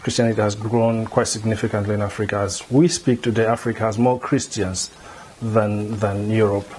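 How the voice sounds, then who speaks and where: A middle-aged man from Malawi, a theology lecturer, answering interview questions in a measured way, often repeating words as he thinks. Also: on the low side, little pitch movement, a little mellow, slight background noise. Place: indoor room before a banner.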